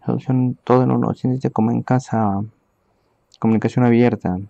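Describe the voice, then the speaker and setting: Gravelly esports caster. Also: male voice, mid-range voice, flat delivery, mellow, no echo, lo-fi sound. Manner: hurried play-by-play, talking to viewers. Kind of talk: live game commentary. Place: at home.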